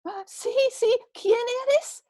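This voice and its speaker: Frantic, high, loud man calling for rescue, put on by a woman teacher. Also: little pitch movement, measured pace. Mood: panicked. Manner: frantic, pleading, shouting for help. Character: panicked man dangling over a cliff.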